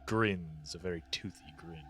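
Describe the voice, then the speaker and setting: A man narrating as game master of a tabletop game in a hushed, drawn-out way. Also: low-pitched.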